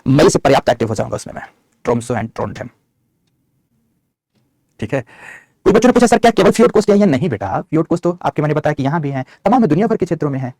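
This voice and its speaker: A man's voice: sits high, darkish tone, no echo, studio quality. A middle-aged male geography teacher, giving an online map lecture, answering students' chat questions and dictating notes.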